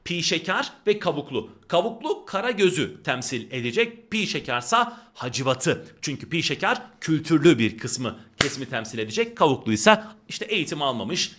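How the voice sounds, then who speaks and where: Male teacher, high bright voice, animated exam-prep lecture, emphatic. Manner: animated, emphatic, repeats warnings to the class. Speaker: literature teacher.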